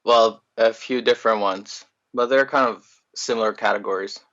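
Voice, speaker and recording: Low-voiced man from Greece, lo-fi. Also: normal speed, a bit bright. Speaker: musician guest. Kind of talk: casual interview.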